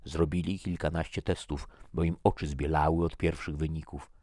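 A man's voice: extremely low pitch, steady tone, moderate pace, warm tone, no echo, clean studio sound. A man voicing a sardonic male archaeologist in an audiobook reading. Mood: wry. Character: wry young male Polish archaeologist.

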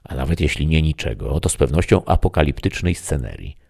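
A man's voice: a bass voice, very animated, a little fast, creaky, darkish tone. A man narrating a first-person audiobook story in a dry, wry way.

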